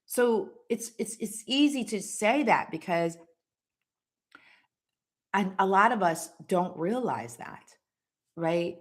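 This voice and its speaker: A woman's voice: mid-range voice, animated, takes it slowly, pauses often. A woman hosting a motivational talk, speaking emphatically to her listeners, repeating words and tagging lines with "right?". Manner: preachy, direct address to the audience. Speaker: host.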